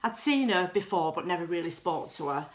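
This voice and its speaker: A woman's voice: on the low side, animated, a little fast. A middle-aged woman telling her own story in a candid, self-deprecating way, with frequent restarts. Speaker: client giving a testimonial. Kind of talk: personal testimonial storytelling.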